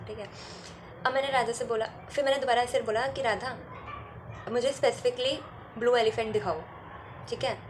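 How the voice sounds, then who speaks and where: A woman telling a personal spiritual story in a casual, frank vlog, often dropping in a quick "okay" and laughing easily. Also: fairly high pitch, background noise. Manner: laughs easily while talking. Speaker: spiritual content creator.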